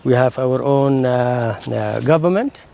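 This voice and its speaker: A man from Somaliland explaining his homeland's history in a measured way, pausing with many fillers. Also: mid-range voice, gravelly, dark tone. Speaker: local interviewee.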